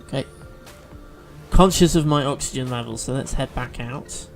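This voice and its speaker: At a moderate pace, the let's play host's medium, gravelly voice carries his running commentary on the game he's playing. Fillers and restarts mark his thinking aloud, and soft background music plays.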